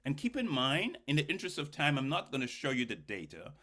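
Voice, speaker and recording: Male keynote lecturer, mid-pitched and bright, addressing an audience directly with emphatic, explanatory delivery and rhetorical questions. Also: huge pitch swings, fast. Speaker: keynote speaker, academic.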